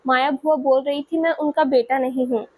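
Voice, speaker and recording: A woman's voice: high voice, fairly even intonation, normal speed, natural voice. A woman voicing a hurt young boy who is crying and pleading in a spoken story. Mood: tearful. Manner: sobbing, pleading.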